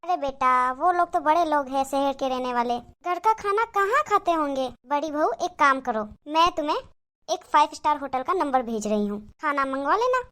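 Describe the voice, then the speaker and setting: Woman voicing a high, slow old mother-in-law. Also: lively intonation, fairly bright tone. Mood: scolding. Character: old village mother-in-law, doting and kindly. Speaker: cartoon voice. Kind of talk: cartoon moral story acting.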